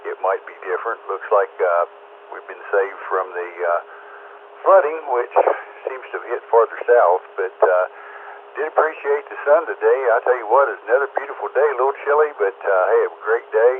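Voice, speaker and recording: A man's voice: fairly low pitch, animated, normal speed. An American man chatting casually in a folksy way as he checks in over a two-way radio with static. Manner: folksy, neighbourly phrasing. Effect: two-way radio transmission with static. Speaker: amateur radio operator checking in. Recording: narrow-band ham radio with static noise.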